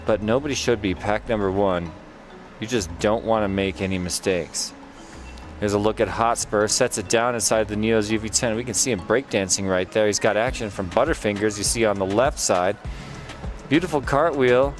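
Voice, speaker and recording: A man's voice: lowish voice, normal speed, faint music behind. A man giving live race commentary as host, chatty and joking. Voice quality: joking, chatty, reads out chat shout-outs.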